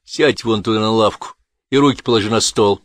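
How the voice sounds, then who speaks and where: A man's voice: on the low side, fairly quick, fairly bright tone, dry recording, close to an everyday voice. A man voicing a cheerful partisan who questions a stranger in a jovial way. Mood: probing.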